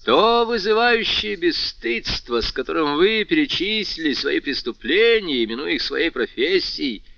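A man's voice: on the high side, sing-song, a little slow, vocal fry, bright, forceful tone, dry recording, dull audio, voice pushed up, full character voice. A man voicing a stern court president who questions a defendant in formal, demanding tones, in a storybook reading.

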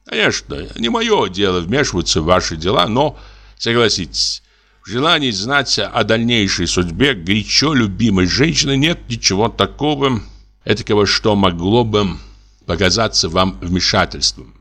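A man's voice: fairly low pitch, lively intonation, moderate pace, sharp tone, full character voice. A man voicing a wronged middle-aged husband, a notary who speaks in a formal, wounded, pompous way. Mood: stiff formal. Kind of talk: audiobook character reading.

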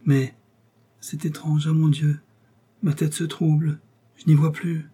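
A man's voice: medium pitch, normal speed, dark tone, breathy edge, lightly acted. A man reading an audiobook voices a frightened young woman, loving and faint, who pleads breathlessly. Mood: anguished.

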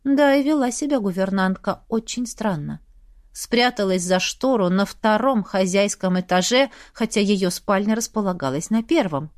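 A woman narrating a first-person audiobook in a steady storytelling manner. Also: medium pitch, normal speed, no room sound, studio quality.

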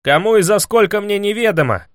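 A man voicing a boisterous young hero who declaims high and loud. He blusters with pompous pride, and every line comes out as a bold proclamation. A lively storybook voice, dry and close. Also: normal speed, no room sound. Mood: indignant. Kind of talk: audiobook character voice.

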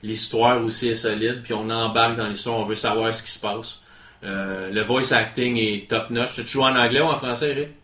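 A man's voice: medium pitch, fairly even intonation, brisk, pushed and bright, echoey room. A man with a Quebec French accent, hosting a casual podcast and chattily reviewing a video game.

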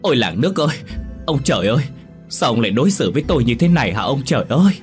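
A man's voice: animated, fairly quick, faint music behind, close to an everyday voice. A man voicing a grief-stricken village mother who wails shrilly in despair over her child. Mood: wailing. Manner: wailing, shrill and desperate.

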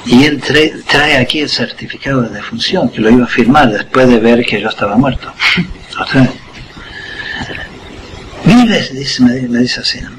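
An older man, a guest on a school radio program, telling a personal story in an unhurried way and acting out the scene with short asides. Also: mid-range voice, fairly bright tone, a little hiss or hum, poor audio. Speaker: interview guest.

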